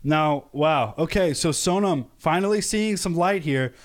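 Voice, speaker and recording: A young American man hosts a casual crypto live stream, his voice a little high and his pace measured. He's upbeat and rambling, full of fillers and restarts.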